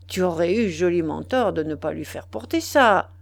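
A woman's voice: fairly low pitch, expressive, normal speed, vocal fry. A woman reading a jealous, needling husband. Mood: insistent, teasing. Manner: coaxing, pressing, mocking. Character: jealous insistent young husband, needling his wife.

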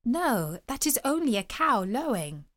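A woman reading aloud does an earnest little kitchen maid in a fairy tale, pitched high and full of excitement. Her lines swing widely in pitch and come unhurried, bright with eager calls.

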